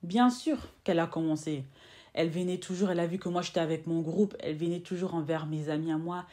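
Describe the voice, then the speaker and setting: A young woman in her twenties tells a personal story straight to her viewers in a low, mellow voice. She slips into the voices of the people in her story and often circles back to repeat or restart a phrase. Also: fast. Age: 20s. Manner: animated, acts out quoted exchanges. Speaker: vlogger. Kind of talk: casual storytime monologue.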